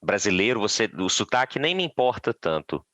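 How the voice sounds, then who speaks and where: A man's voice: fairly low pitch, big pitch swings, brisk, fairly bright tone, no echo. A Brazilian man chatting on a podcast, telling stories with many restarts. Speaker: podcast guest. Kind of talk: casual podcast chat.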